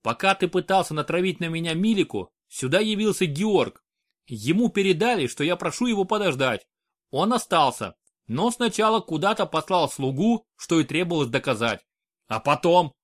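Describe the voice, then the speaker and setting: A man's voice: a little high, big pitch swings, moderate pace, pitched above the performer's own voice. Field: a man voicing a volatile young prince-regent. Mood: grim. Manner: tense, raised and forceful. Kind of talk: audiobook character voice.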